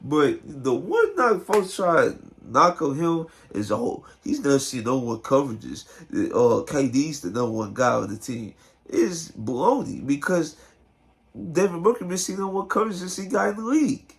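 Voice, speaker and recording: A man with a hoarse, partly lost voice giving casual, slangy sports commentary straight to his viewers. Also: on the high side, very animated, normal speed. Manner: informal, slangy, talks directly to viewers. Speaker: sports video host. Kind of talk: casual basketball commentary to camera.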